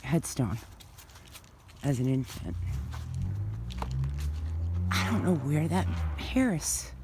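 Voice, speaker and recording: A woman's voice: very deep voice, big pitch swings, slow, heavy background noise. A woman casually walking through an outdoor cemetery in winter and filming on her phone. She is a little out of breath and thinks aloud as she talks, with many fillers. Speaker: author giving a tour.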